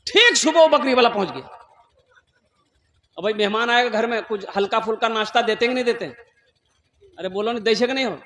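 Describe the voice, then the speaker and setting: A man's voice: extremely high pitch, fairly quick, pauses often, pushed and bright, reverberant, in a large hall. A male preacher, telling funny stories in a sermon and asking the crowd to answer back. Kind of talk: storytelling sermon.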